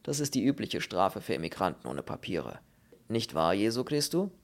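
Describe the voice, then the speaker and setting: A man reading the lines of a calm, ironic fellow prisoner in a dry, sardonic manner. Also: fairly low pitch, normal speed.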